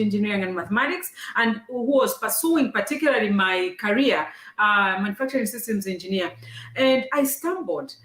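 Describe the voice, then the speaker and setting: A woman's voice: on the high side, reverberant. A woman hosting an online interview, upbeat and chatty, often calling out to her viewers. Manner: enthusiastic, repeatedly addresses viewers as guys. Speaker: host.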